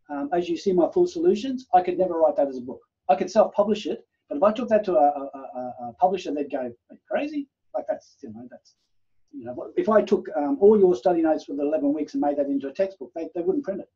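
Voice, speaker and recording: A man's voice: a little high, expressive, quick pace, vocal fry, warm tone, slightly rough. Rambling man lecturing over video call. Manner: rambling, chatty explaining with many fillers and acted-out quotes. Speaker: university lecturer. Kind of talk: online class lecture. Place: home room, video call. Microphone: computer microphone on a video call. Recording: muffled video call audio.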